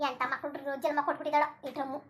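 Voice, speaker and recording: A bald old village grandmother from a cartoon, as a woman puts her on, firing off scolding in rural Karnataka Kannada. The voice is high, bright and sharp, and the words tumble out at a breakneck pace. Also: little pitch movement. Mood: lamenting. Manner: scolding, rapid-fire, crude rural Kannada. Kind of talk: cartoon voice acting.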